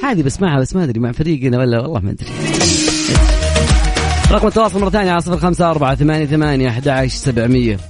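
A Saudi man hosts a live radio quiz and talks very fast in a slightly high voice. He jokes and chats with callers. Clear music plays under him in the studio. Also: animated. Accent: Saudi Arabic. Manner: fast, jokey and chatty. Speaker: radio host.

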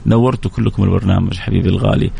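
A man, hosting a religious radio show and telling stories with lively, dramatic rises in his voice. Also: sits low, racing, gravelly, breathy edge. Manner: animated storyteller, voice leaps up for dramatic moments. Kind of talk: religious storytelling talk.

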